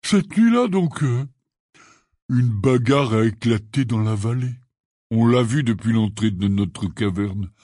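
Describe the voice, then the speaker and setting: A man reading the part of a huge, gruff but kindly half-giant gamekeeper in an audiobook, telling his tale in a rambling, earnest way. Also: mid-range voice, lively intonation, a little slow, mellow, no echo, clean studio sound, close to an everyday voice. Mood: rueful.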